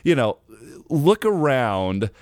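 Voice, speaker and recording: A man's voice: mid-range voice, big pitch swings, slow, a little mellow, no room sound, studio quality. A man hosting a podcast in casual chat, telling rambling anecdotes with many restarts. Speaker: podcast host.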